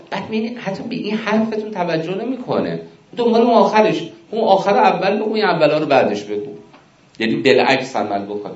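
A man from Iran giving a religious lecture on family life, animated and acting out everyday dialogues. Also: on the high side. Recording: roomy, distant, dull sound.

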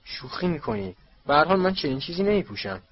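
A man voicing an excitable teenage wizard boy who protests quickly. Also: mid-range voice, creaky, slightly rough, dull audio, voice pushed up, heavily acted. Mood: protesting.

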